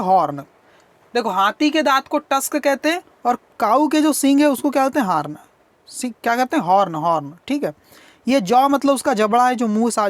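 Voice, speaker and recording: A woman teacher who explains an English lesson, asking questions, answering them herself and spelling words out letter by letter. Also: sits high.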